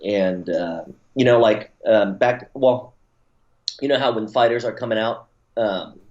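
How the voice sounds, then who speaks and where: A martial arts promoter in his forties, born in Taiwan and raised in the US, tells his story as an interview guest in a lowish, unhurried, darkish voice. He rambles with many fillers and restarts, and the recording has a dull lo-fi sound.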